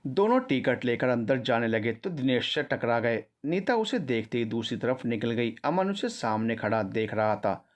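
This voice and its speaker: A man narrating a scripted story in a steady, even storytelling manner. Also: mid-range voice, normal speed.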